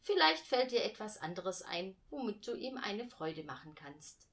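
A caring mother from a children's story, gentle and questioning, as a woman reader voices her. Her tone stays warm and close to a natural speaking voice. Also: mid-range voice, very animated, a little slow.

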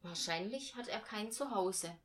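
Woman doing a calm dad in a kids' story, patient, explaining things. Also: mid-range voice, unhurried. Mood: gentle. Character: thoughtful, calm father of two.

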